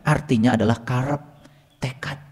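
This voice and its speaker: A man's voice: mid-range voice, fairly even intonation, moderate pace, a little mellow. A male religious teacher gives a teaching lecture, teasing his listeners with rhetorical questions. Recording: long reverb from a hall.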